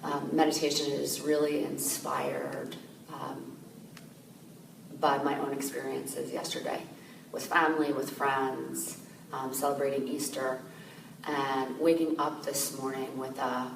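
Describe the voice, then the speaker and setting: A woman meditation teacher calmly guiding a meditation, speaking gently and slowly with soft fillers. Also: a bass voice, gravelly. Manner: gentle, slow, soothing guidance with soft fillers. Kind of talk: guided meditation. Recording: echoey room, distant mic, noisy ambience.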